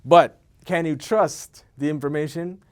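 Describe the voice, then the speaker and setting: Rambling man in his thirties, slightly high. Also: unhurried. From Ethiopia. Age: 30s. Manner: rambling, repeats words, keeps asking "okay?". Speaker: event organizer. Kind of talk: casual promotional monologue.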